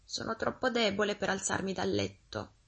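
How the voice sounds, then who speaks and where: A woman's voice: mid-range voice, sing-song, moderate pace, creaky, fairly bright tone, breathy edge, exaggerated voice. A woman voicing a frail old grandmother in bed in a fairy tale, speaking weak and thin. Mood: feeble.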